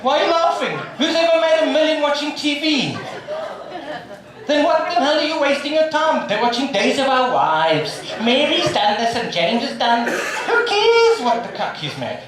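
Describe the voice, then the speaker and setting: An older South African man delivers a motivational talk, quizzing the crowd in a high, swooping voice. He is picked up from a distance, so his voice rings through a big echoing hall. An audience can be heard around him. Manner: animated, quizzing the audience with rapid questions. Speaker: motivational speaker. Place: large hall with a live audience.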